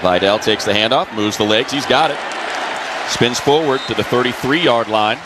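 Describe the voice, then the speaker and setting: A man with a medium-pitched voice calls an American football game on live radio at a normal speed. His delivery comes in clipped, descriptive phrases against a backdrop of stadium crowd noise.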